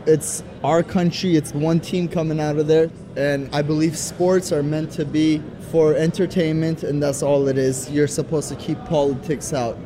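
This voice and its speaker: A man's voice: fairly high pitch, little pitch movement, normal speed, hardly any pauses. Confident man, crowd behind. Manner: firm, confident. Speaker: soccer fan. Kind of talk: street interview.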